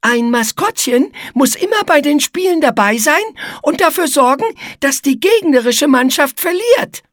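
A woman's voice: sits high, lively intonation, a little slow, no room sound, clean studio sound, pitched above the performer's own voice. A woman voicing a prim, easily offended young female spider in a storybook reading. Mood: eager.

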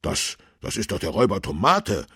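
A man's voice: medium pitch, unhurried, creaky, no room sound, studio quality, pitched above the performer's own voice, exaggerated voice. A man voicing an eager, dutiful male village policeman in a somewhat raised, earnest voice. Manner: excited, earnest, a little raised.

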